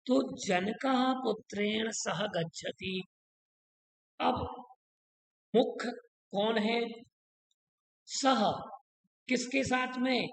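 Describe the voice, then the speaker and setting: Very slow, echoey grammar teacher. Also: mid-range voice. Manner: drills rules by repetition and quizzes the listener. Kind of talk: classroom-style grammar lesson. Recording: echoey room with long reverb.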